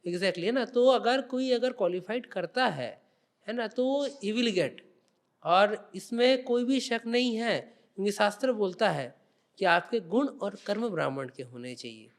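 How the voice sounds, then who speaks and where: A man's voice: sits high, lively intonation, measured pace. A man speaking as a religious guest on a podcast interview, explaining spiritual teachings in an emphatic, preaching way.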